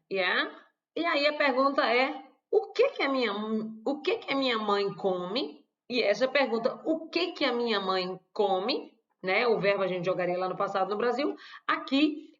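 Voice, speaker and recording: A woman with a Brazilian Portuguese accent teaches a grammar lesson from slides, talking deliberately, repeating key phrases and adding playful asides. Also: on the high side, a bit bright. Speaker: language teacher. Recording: dull lo-fi recording.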